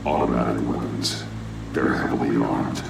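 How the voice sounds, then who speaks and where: A stern, brooding video game investigator. His terse, grave lines sit extremely low with a gravelly edge. The sound is echoey, distant and noisy. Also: moderate pace, full character voice.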